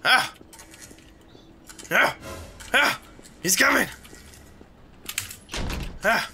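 A man commentates a horror game let's play in a very high, bright and forceful voice, speaking extremely slowly with lively intonation. He mutters to himself and yelps or screams at every scare, with slight background noise present.

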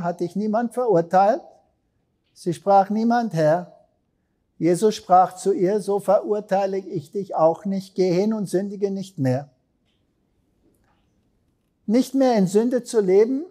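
A man's voice: high voice, slow pace, warm tone. A man preaching a sermon, telling stories emphatically and asking the listeners questions. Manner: emphatic storytelling with rhetorical questions.

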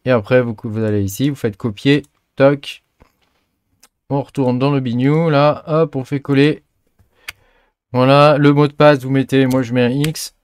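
A man's voice: mid-range voice, fairly even intonation, measured pace, pauses often, darkish tone, clear, resonant tone, no room sound. A man giving a casual, chatty tutorial over a screen recording, full of fillers and tag words. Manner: chatty, many fillers and trailing "hein". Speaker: crypto mining channel host.

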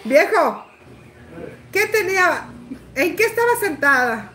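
Bright, animated Mexican woman host. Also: extremely high pitch, slow pace, a little hiss or hum. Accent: Mexican Spanish. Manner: animated, playful. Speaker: channel host. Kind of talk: casual chat.

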